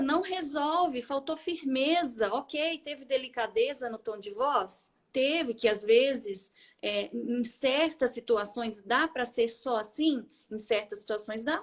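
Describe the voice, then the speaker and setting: A woman with a Brazilian Portuguese accent, co-hosting a casual chat and explaining parenting tips, often adding tag questions. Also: fairly high pitch. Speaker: co-host giving parenting tips.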